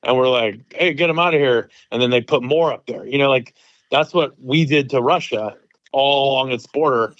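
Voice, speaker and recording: A retired veteran talking in a casual podcast conversation, opinionated and rambling with many fillers. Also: male voice, medium pitch, moderate pace, fairly bright tone, no room sound. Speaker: retired military veteran guest. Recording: dry, dull lo-fi sound.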